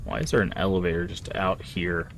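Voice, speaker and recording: A man's voice: low voice, steady tone, a little fast, slight background noise. A man commentating casually as he plays a video game.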